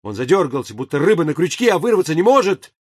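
A man's voice: on the high side, breathy edge, no echo. Man reading an audiobook, dry and close. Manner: measured, even storytelling. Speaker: audiobook narrator. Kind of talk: scripted narration. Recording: dry booth recording.

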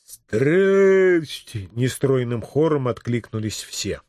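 A man's voice: medium pitch, normal speed, a little mellow, no room sound. A man narrating a first-person story as an audiobook, in a dry, wry storytelling manner.

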